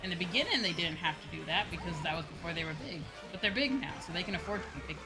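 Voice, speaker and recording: A woman with a lowish, expressive voice talks rapid-fire over video game music, streaming as a VTuber while she plays. She tosses out opinions, swears now and then, and keeps tagging questions onto her sentences, though the audio quality is poor.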